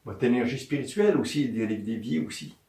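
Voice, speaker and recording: In an echoey room, picked up by a distant mic, a massage therapist with a Quebec French accent gives an informal health talk. His voice is medium-pitched and fairly quick, and he's animated, going over his points again and answering his own questions.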